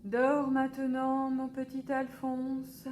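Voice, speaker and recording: Un papa patient et doux, que fait parler une lectrice, dit bonne nuit sur un ton apaisant et posé. Une voix plutôt aiguë, un débit lent, comme dans un album jeunesse lu à voix haute. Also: female voice, high-pitched, measured pace, a little mellow, a little hiss or hum. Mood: coaxing. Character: patient, gentle father putting his son to bed.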